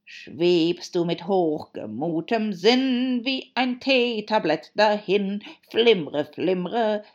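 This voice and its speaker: A woman's voice: medium pitch, lively intonation, darkish tone, muffled recording, voice pushed up. A woman playing a gloomy, quarrelsome hatter. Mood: sing-song. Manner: slow, emphatic, sighing. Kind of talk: audiobook character voice.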